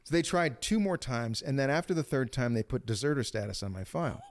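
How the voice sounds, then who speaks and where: A man in his fifties recounts his family history as a podcast guest. He rambles along in an ordinary middle register, stacking fillers and restarts, with a loose, unhurried feel. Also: mid-range voice, lively intonation, background noise. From born in Greece, raised in Cincinnati. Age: 50s. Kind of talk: casual storytelling interview.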